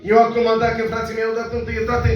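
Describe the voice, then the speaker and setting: A man preaching a fervent sermon, often breaking into shouts of praise. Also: very high-pitched, monotone, lo-fi sound, crowd noise. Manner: fervent, with frequent call-outs of praise. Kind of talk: Pentecostal-style sermon. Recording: very echoey, distant mic in church.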